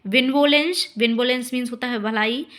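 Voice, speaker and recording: A woman teacher giving a spelling and vocabulary lesson, spelling words out letter by letter and stressing each key word slowly. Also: fairly high pitch, fairly bright tone. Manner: repeats "ठीक है" and "अब देखिए" as fillers.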